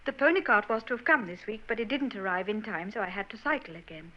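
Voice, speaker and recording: Quick and medium-pitched, her delivery is pushed and bright yet close to an everyday voice. It's 1940s radio acting on a dull old broadcast, with an actress portraying an anxious, earnest young Victorian woman who talks in a hesitant, genteel manner.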